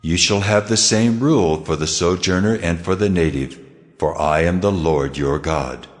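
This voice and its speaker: A man voicing the Lord, deep and echoing. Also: normal speed, lightly acted. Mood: solemn. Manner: grave and commanding. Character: the Lord, a solemn commanding divine male voice. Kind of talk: dramatized scripture reading. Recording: long hall reverb. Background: faint music.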